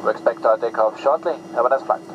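A man's voice: mid-range voice, fast. A man, the airline captain, giving a formal, routine welcome announcement over the cabin PA from the cockpit. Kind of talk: bilingual in-flight announcement. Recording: muffled cabin PA with loud engine noise.

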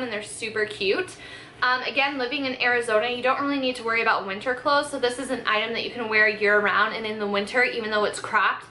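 A woman's voice: on the high side, pushed and bright. A woman in her twenties chatting casually in an upbeat, chatty way as she shows off clothes in a vlog. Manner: chatty, upbeat, filler-heavy. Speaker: fashion and beauty vlogger. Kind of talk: casual clothing haul chat. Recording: echoey room with faint hiss.

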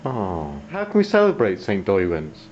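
Off-camera female questioner, extremely low pitch with big swoops, muffled recording. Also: huge pitch swings, moderate pace. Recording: muffled with clear background noise.

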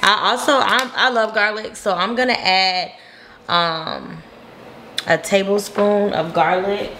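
Speaking slowly with a medium-pitched, steady voice, a young woman demonstrates a recipe in her home kitchen for her viewers. She's chatty and casual, talking through every step, while loud kitchen noise plays behind her.

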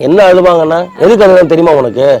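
A man's voice: fairly high pitch, quick pace, darkish tone, soft background music. A man, sulking and complaining in a scripted comedy sketch as a husband. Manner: sulky, whiny complaining.

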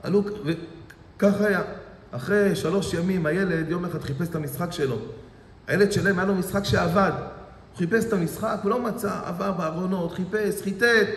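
A man's voice: high voice, a little hiss or hum. A man giving a sermon as a rabbi, telling a parable dramatically with lots of repetition. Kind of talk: sermon with storytelling. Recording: echoey hall reverb.

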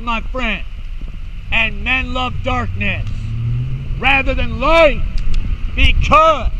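High-voiced man preaching slowly outdoors. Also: pushed and bright, rough recording. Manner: repetitive, slow, emphatic preaching with repeated phrases. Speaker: street preacher. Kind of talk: open-air street preaching. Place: outdoors at a gas station in heavy rain. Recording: outdoor camera mic with wind and rain noise.

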